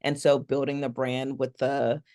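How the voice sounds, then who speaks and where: On a podcast interview, a personal branding coach appears as the guest, an upbeat woman with a bass voice who is animated, enthusiastic, and quick to explain. She sounds slightly raspy after a three-day event, and the sound is dry and close, with no room sound.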